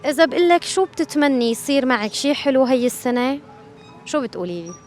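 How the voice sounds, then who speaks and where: A woman's voice: high-pitched, big pitch swings, fast, darkish tone. A woman with a Syrian Arabic accent, working as an interviewer on camera in the street. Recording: background music under voice.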